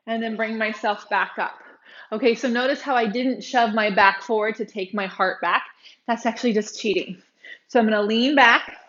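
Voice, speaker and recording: A woman's voice: a little high, fairly bright tone, muffled recording, a little hiss or hum. A woman teaching a Pilates tutorial, demonstrating as she moves, chatty and bubbly and a little out of breath.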